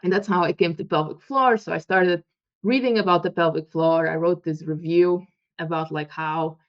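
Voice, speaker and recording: Her voice sits on the low side: a Portuguese woman in her thirties, accented, appearing as a guest researcher in a casual interview. She's lively, quick to perform quoted dialogue and laugh along. The audio is muffled lo-fi.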